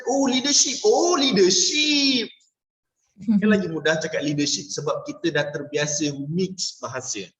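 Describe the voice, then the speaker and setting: A man's voice: a little high, fairly bright tone. A man with a Malaysian accent teaching a workshop class as a business sales coach, switching between Malay and English and checking in with "alright?" after nearly every point. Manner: playful, acts out little dialogues. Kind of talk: workshop lecture to a live class. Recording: echoey room, dull lo-fi sound.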